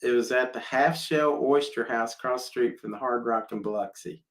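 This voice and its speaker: Man hosting a relaxed live chat show, reading viewer comments with easy laughter. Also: medium pitch, normal speed. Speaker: livestream host.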